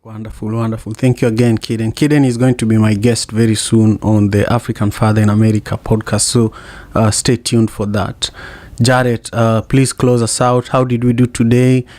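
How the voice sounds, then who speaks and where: A man's voice: lowish voice, little pitch movement, normal speed, a little mellow, dry recording. A man hosting a live audio room, graciously thanking his guests and passing the floor. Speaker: podcast host.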